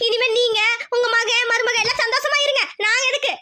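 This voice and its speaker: A middle-aged village mother in a cartoon, played by a woman moans in hopeless despair. Her voice is very high and bright. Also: fairly even intonation, a little fast. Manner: wailing, hopeless.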